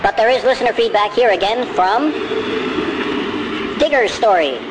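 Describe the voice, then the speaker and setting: This is a casual podcast monologue from a male host who rambles and keeps correcting himself. His voice has been sped up into a squeaky, high chipmunk pitch, though he talks at a moderate pace. Traffic and street noise hum steadily beneath the entire clip.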